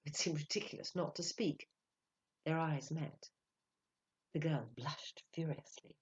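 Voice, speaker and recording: A woman narrating a literary short story aloud in an expressive, dramatic way, hushing for quiet moments. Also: low voice, unhurried, highs cut off. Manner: expressive, dramatic, hushes for awe. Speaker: audiobook narrator.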